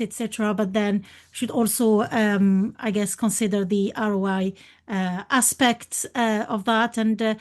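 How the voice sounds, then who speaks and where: A woman's voice: medium pitch, darkish tone. A woman from Algeria, giving a panel talk as a university lecturer over a video call. She hesitates a lot, with many fillers and restarts. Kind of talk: conference panel presentation.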